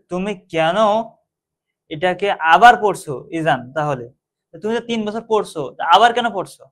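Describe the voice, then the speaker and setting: A man teaches an online exam-prep Arabic class in a fairly high voice. He reads a textbook dialogue phrase by phrase and translates each line. He often restarts words and repeats himself to make the point clear. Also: fairly bright tone. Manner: reads Arabic phrases aloud, then translates and explains them step by step; repeats and self-corrects mid-word.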